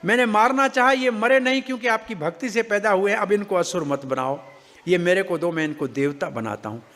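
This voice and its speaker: A man's voice: high-pitched, fairly quick, a bit bright, long reverb tail. A man voicing a humble king of gods. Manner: humble, confessing. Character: contrite male king of gods.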